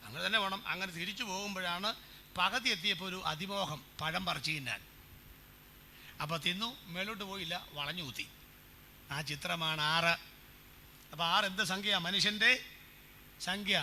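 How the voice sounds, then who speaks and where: A pastor preaching in a church, his voice high and cutting. He talks in an animated way and keeps putting questions to the congregation. Faint noise sits behind him. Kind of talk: sermon.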